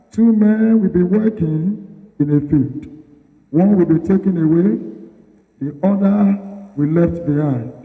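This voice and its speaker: A man reading the Gospel at a church service in a deliberate, formal way. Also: high voice. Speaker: liturgical reader of the Gospel. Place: large reverberant church, far from mic. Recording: distant, phone-like band, long church reverb.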